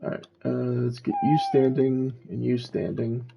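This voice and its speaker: Slow, gravelly-voiced man musing while gaming. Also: medium pitch, steady tone, lo-fi sound, noisy background. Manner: slow, musing, talks to himself while playing. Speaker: streamer. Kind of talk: casual gameplay commentary.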